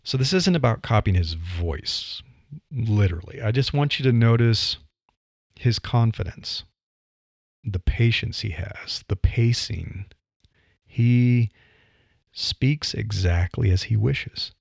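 Speaking slowly and pausing often, a middle-aged man with a Midwestern accent muses on voice delivery. He's a podcaster and writer whose voice is on the low side, gravelly and a little mellow, and his chat is casual, peppered with "you know" and light laughter. The audio is dry and clean, with a studio sound.

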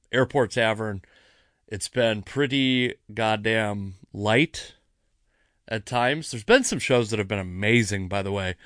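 A fairly low but slightly bright male voice, in clean studio sound with no room reverb, belongs to an American podcast host and comedian. A few drinks in and mildly tipsy, he rambles casually on his own, self-deprecating and sprinkling in some swearing.

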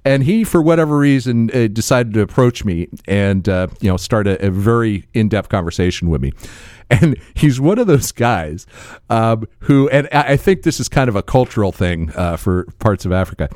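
A male podcast co-host tells stories in an animated, rambling way during a casual chat. His voice is fairly low and moves at normal speed, captured in clean studio sound with no room sound.

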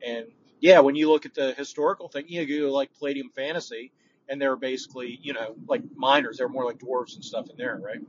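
Speaking quickly in a steady, mid-range voice, this man records a frank, chatty voicemail for a podcast he listens to. The audio comes through muffled, distant, and full of noise.

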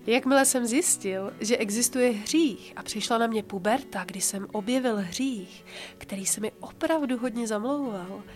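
A woman podcast host reading a book passage aloud with her own commentary, in a calm, measured voice that slows and softens for emphasis. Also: fairly high pitch, faint music behind.

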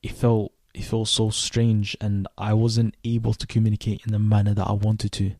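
Calm low-voiced young man reflecting. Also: dry recording. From Sweden. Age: 20s. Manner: thoughtful, unhurried, with frequent fillers and restarts. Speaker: podcast host. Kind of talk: reflective solo podcast monologue.

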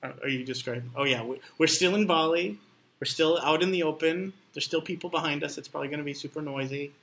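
A man's voice: a little high, quick pace, a bit bright. A man co-hosting a casual podcast outdoors, chatting with his partner and telling her what to do, recorded on a laptop's built-in microphone. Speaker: podcast co-host. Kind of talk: casual chat. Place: outdoors in a public spot with people nearby.

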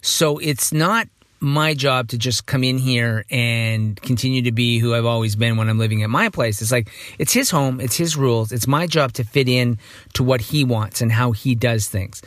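Man, middle-aged, casual rambling monologue, slightly hoarse, dry room. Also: medium pitch, fairly even intonation, moderate pace, fairly bright tone, no echo. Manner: rambling, self-correcting, chatty. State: morning voice, a bit hoarse. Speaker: podcast host.

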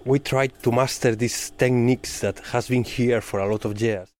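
With a medium-pitched, darkish voice and fairly even intonation at normal speed, a middle-aged or older man from Spain describes his work as a bespoke tailoring undercutter. His Spanish-accented English is careful and non-native, and some hiss or hum is audible during these explanatory interview answers.

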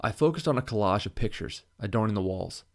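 A man narrates a novel in the first person, measured and even. His voice sits on the low side. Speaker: audiobook narrator.

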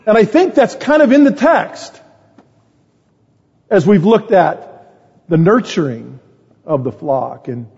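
A man's voice: high-pitched, mellow, husky. A middle-aged male pastor preaching a sermon, telling stories in a conversational tone. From United States. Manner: storytelling with a conversational tone, voice rising when stressed. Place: conference hall. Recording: muffled conference recording in a reverberant hall.

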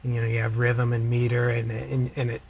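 A man talking in a thoughtful, unhurried way in casual conversation, with a few restarts. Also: medium pitch, monotone, vocal fry, darkish tone, slightly rough.

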